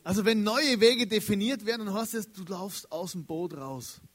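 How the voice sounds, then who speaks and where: A man preaching, his voice sitting a touch higher than most men's. He talks in a loose, slangy way rather than a formal pulpit tone. He is animated and chatty, and keeps nudging his listeners for agreement. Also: normal speed. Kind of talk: casual, slangy sermon.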